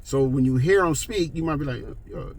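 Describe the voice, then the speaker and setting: A man's voice: fairly high pitch, brisk, darkish tone, slight background noise. A man in his forties, talking to the camera in a casual, emphatic monologue and often checking in with "okay?". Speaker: vlogger.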